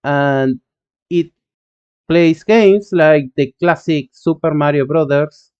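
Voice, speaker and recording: Reading chat while live-streaming his coding, a man from Argentina, a native Spanish speaker with an Argentine Spanish accent, talks in halting phrases with lots of fillers and restarts. His voice leans high and a little mellow, with a clean tone and the highs cut off.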